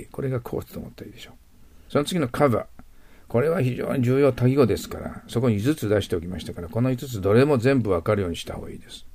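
Gravelly husky man teaching vocabulary. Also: fairly low pitch, a little mellow. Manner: explains patiently, repeats words slowly; adds ね as a tag. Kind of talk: recorded vocabulary lesson.

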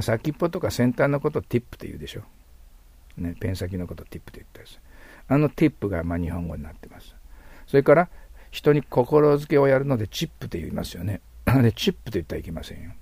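Male English teacher, low gravelly voice, patient explainer who repeats words and slows for examples, dry close sound. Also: darkish tone, no echo. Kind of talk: vocabulary and pronunciation lesson.

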